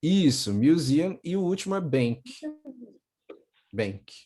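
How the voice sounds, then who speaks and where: A young man with a Brazilian accent teaching English to children in a video call, patiently repeating words slowly. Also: fairly high pitch, big pitch swings, warm tone. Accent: Brazilian Portuguese. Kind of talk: online class for children.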